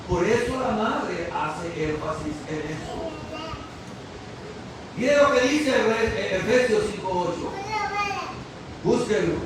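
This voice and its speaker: A man preaching an impassioned sermon, often shouting and slowing down to stress his words. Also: sits high. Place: church sanctuary. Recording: far from the mic in an echoey church hall with faint hiss.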